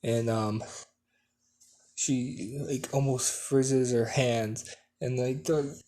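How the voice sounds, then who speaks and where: A man's voice: medium pitch, fairly even intonation, drawn-out words, warm tone. A man improvising a fan story at home, hesitant, with many fillers and restarts.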